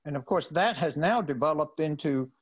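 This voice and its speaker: A man's voice: a little high, expressive, slightly rough. Older man recalling the past on a video call. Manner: unhurried, explaining with examples from the past. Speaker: participant in an online educators' discussion. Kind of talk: casual video-call discussion. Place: home, seated in a reclining chair. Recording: dull, lo-fi video-call audio.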